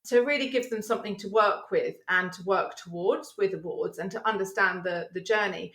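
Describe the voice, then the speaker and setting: A woman guest on a podcast, talking through her work in an animated, chatty way and laughing easily. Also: medium pitch, normal speed. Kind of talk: conversational interview. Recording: roomy echo.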